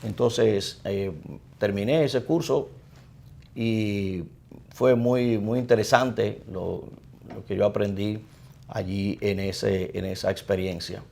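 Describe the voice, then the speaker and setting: This is a middle-aged priest from the Dominican Republic who speaks with a Dominican Spanish accent in a low, mellow voice, gravelly with vocal fry and steady in tone. Interviewed as a guest, he looks back on his life calmly and reflectively.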